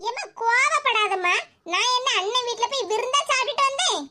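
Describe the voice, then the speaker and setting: A squeaky, cheeky young cartoon daughter, as a woman puts her on, teasing and coaxing with a playful lilt. Her voice is pitched extremely high, and loud noise runs under the whole recording. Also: animated, a little fast.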